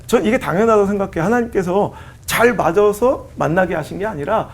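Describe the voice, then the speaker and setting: A middle-aged man from the Chungcheong region, a pastor telling lively, laughing stories and acting out quoted lines on a church talk show. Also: sits high, fairly quick, gravelly. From Chungcheong region, South Korea. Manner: animated, laughing storytelling that acts out quoted lines.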